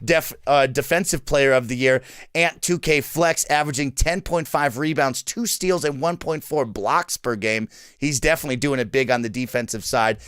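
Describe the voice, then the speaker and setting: A man's voice: medium pitch, moderate pace, fairly bright tone, clear, resonant tone, dry recording, studio quality. A man hosting an esports talk show in an upbeat commentary style, pronouncing his r sounds as w. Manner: says w for r.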